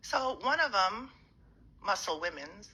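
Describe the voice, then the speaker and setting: Just awake and a little winded, a woman livestreams to her followers from a handheld phone in a casual morning chat. Her mid-range, husky, sharp voice is very animated but a little slow, rambling and hesitant with many ums, on a low-quality recording.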